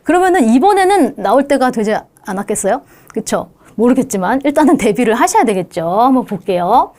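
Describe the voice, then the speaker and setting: Lively woman teaching an exam-prep lecture. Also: on the high side, brisk. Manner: lively, coaxing, checks in with "그쵸?". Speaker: Japanese language instructor.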